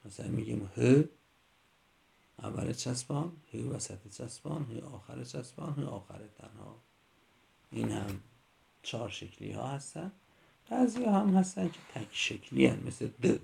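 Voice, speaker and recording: A man's voice: medium pitch, expressive, gravelly, warm tone, breathy edge. A man teaching a grammar lecture, explaining step by step with examples.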